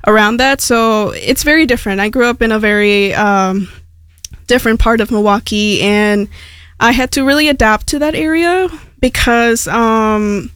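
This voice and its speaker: A young woman from Mexico, a native Spanish speaker, talking as a guest on a radio show. She rambles casually and fills her talk with "like" and "um". Her voice sits fairly high and sounds dry and close on a studio mic. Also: a bit bright, clear, resonant tone, no echo. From Hidalgo, Mexico. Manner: chatty, rambling, many fillers like "like" and "um". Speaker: radio station intern, guest.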